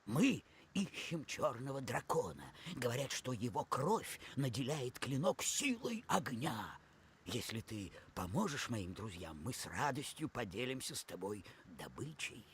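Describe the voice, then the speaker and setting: An actor playing a hearty, gruff dwarf hunter with a gravelly voice in video game dialogue. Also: male voice, medium pitch, big pitch swings, a little slow, a little hiss or hum. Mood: hearty, inviting. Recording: faint game ambience behind.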